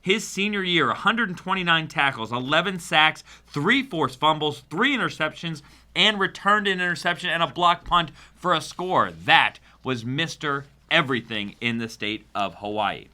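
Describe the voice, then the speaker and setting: A man's voice: on the high side, lively intonation, normal speed, pushed and bright. A man co-hosting a sports talk show, rattling off player stats in an upbeat, punchy way. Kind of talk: studio sports talk with stat rundowns.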